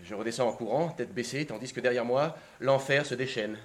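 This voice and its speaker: A man narrating a literary text as a dramatic reading, in an expressive, theatrical way that moves from hushed to excited. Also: medium pitch, fairly quick.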